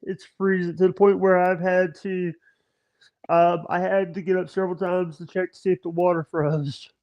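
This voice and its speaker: Halting, stammering man in his thirties. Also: high voice, little pitch movement. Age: 30s. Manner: halting, stammering, many restarts. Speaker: livestream guest. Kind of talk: casual chat. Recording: dull lo-fi stream audio.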